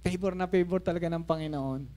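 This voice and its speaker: High-voiced man in his fifties preaching. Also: fast. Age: 50s. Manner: animated, laughing asides, shifts from soft to shouting. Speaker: pastor. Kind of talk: Taglish sermon storytelling.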